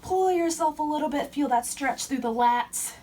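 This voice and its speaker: A woman's voice: high-pitched, moderate pace, warm tone. Woman fitness instructor cueing a workout. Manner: cueing moves while exercising. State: slightly out of breath. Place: fitness center. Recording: distant mic with faint room noise.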